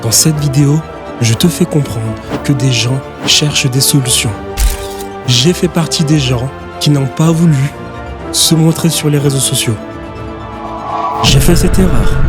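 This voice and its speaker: A man, a business consultant, giving a direct and urgent motivational talk on doing business online. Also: medium pitch.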